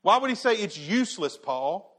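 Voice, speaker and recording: Male pastor preaching, fairly high voice, lively pitch, rhetorical questions, loud-to-hushed swings. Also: normal speed. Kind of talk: sermon.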